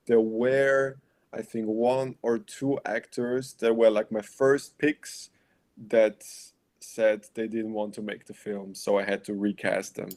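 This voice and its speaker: A young man, a film director raised in Austria whose first language is Bulgarian, answers audience questions at a festival. His voice sits a little low. He speaks in a halting, reflective way and laughs lightly between thoughts. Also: steady tone, darkish tone.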